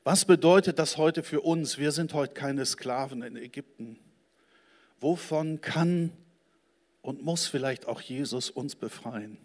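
A man preaching a sermon, slowly and emphatically, acting out the quoted lines in the stories he tells. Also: mid-range voice. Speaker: pastor.

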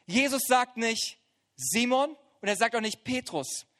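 A middle-aged man preaching a sermon, retelling scripture as a lively story with casual, joking asides. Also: extremely high pitch, measured pace.

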